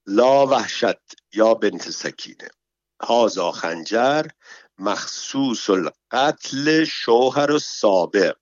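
A man reading a story, voicing a nosy and vengeful palace woman who speaks slow, heavily stressed broken Arabic. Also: fairly low pitch, animated, no echo, natural voice. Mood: soothing. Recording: dull, dry recording.

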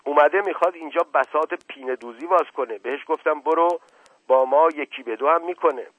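A man voicing a hot-headed loyal middle-aged male servant who shouts in rustic speech. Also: on the low side, dry recording, lightly acted. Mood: shouting. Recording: tinny phone-like radio sound.

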